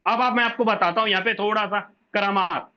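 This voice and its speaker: High-voiced man explaining step by step. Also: brisk, bright, forceful tone, highs cut off. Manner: repetitive, asks questions and answers them himself; corrects himself mid-sentence. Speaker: presenter explaining a business plan. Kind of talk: explanatory walkthrough to an online audience.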